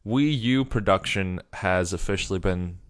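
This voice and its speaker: A man's voice: low-pitched, moderate pace. Young man with dry sarcastic quips. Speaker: podcast co-host. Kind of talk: casual news chat.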